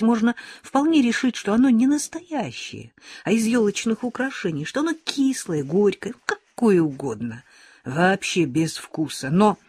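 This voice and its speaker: An animated storyteller reads a children's story aloud and throws themselves into every child's line. The voice is husky and swings widely in pitch. The sound is close and dry. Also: no echo. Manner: animated, acts out the children's lines. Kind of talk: expressive reading of a children's story.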